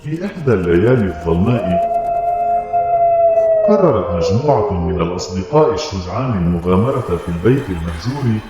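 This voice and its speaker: A man's voice: deep voice, very animated, fairly quick. A man reading a scripted horror story as its narrator. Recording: very echoey, long reverb, music behind. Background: clear music.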